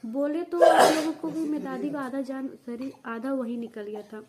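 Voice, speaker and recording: Over a noisy crowd, a young woman's high, steady voice moves at a normal pace as she vlogs a family story from home. Her casual telling wanders, full of restarts and fillers, with occasional coughs, and she talks straight to her viewers.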